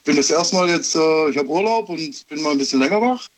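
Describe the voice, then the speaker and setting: A man from Heilbronn calling in to a radio show and haltingly telling a personal story with many pauses. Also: fairly high pitch, expressive. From Heilbronn, Germany. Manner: hesitant, many fillers and restarts. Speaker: caller. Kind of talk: recounting a personal story on a call-in. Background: radio playing quietly.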